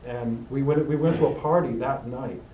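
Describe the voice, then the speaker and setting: In a meeting room, a middle-aged man with a medium-pitched, dark voice shares his recovery story with a group. He halts and rambles, using many fillers and restarts, picked up by a roomy, distant mic with faint hiss.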